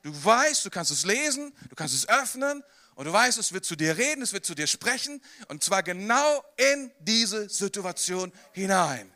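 A man with a high, bright voice preaching a sermon. He talks in a lively, conversational way and keeps turning to the listener with direct questions. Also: moderate pace.

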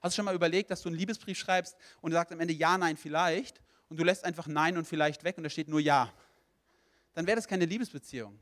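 Male preacher, slightly higher voice, emphatic delivery, addresses the listener directly. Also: fast talker, fairly bright tone. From Germany. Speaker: pastor. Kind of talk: sermon.

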